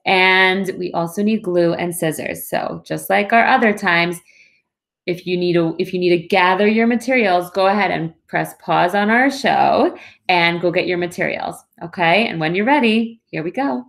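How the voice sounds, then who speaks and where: A woman's voice: fairly low pitch, moderate pace, gravelly, fairly bright tone. A woman presenting a craft to young children step by step, explaining simply and reassuringly.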